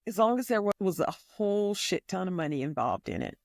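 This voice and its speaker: A woman's voice: fairly low pitch, big pitch swings, a little fast, a little mellow, dry recording, clean studio sound. A middle-aged woman co-hosting a podcast, telling stories with slangy phrasing and emphatic repeats. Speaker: podcast co-host. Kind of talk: casual chat.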